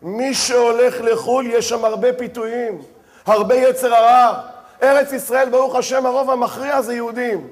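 High-voiced rabbi preaching a sermon. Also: male voice, fairly even intonation. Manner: addresses the audience directly, storytelling with dramatic voiced asides.

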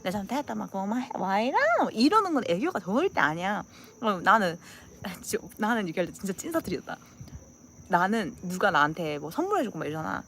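A woman's voice: medium pitch, sing-song, fairly quick, fairly bright tone, slight background noise. A young woman with a Gyeongsang accent chatting casually with her viewers. She acts out dialect phrases and laughs often. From Gyeongsang region, South Korea. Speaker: channel host.

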